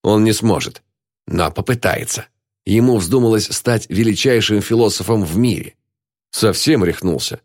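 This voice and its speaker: A man's voice: lowish voice, normal speed, no echo, studio quality, voice pushed up, lightly acted. A man voicing a frail, frightened old male philosopher in an audiobook, talking in gasping, breathless whispers. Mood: trembling. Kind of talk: audiobook reading.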